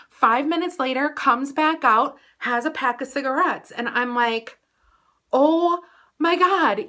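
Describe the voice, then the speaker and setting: An American vlogger tells her viewers a story from her own life in a bright, punchy, high-pitched voice. She is animated and chatty, leaning into dramatic emphasis and acting out who said what.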